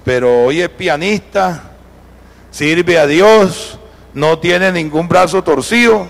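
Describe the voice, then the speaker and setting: A man's voice: on the high side, slow, vocal fry. A man preaching a sermon as pastor, telling a story and acting out the people in it. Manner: storytelling, acting out quoted voices. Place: church.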